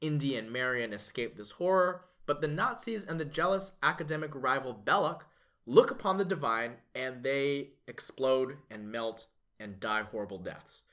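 A man's voice: mid-range voice, expressive, normal speed, pushed and bright. A man co-hosting a casual legal podcast, recapping a movie plot with enthusiastic build-up. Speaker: podcast co-host, lawyer.

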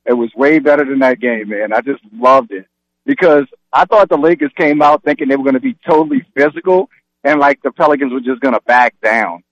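A man's voice: medium pitch, brisk, no room sound, highs cut off. A male sports caller from Louisiana in casual chat, rambling and trash-talking about basketball.

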